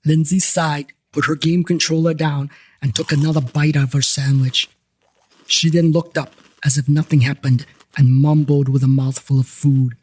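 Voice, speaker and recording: Wry investigator narrator; dry asides, a bit high, scripted drama. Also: male voice, steady tone, moderate pace, darkish tone, husky, no room sound. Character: wry first-person man investigator narrating.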